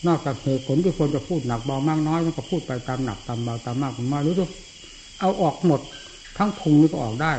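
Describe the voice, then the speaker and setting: Older man, Buddhist teacher, blunt and forceful; a bit high, crickets faintly in the background. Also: fast talker, a little hiss or hum, rough recording. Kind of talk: dhamma talk with a disciple.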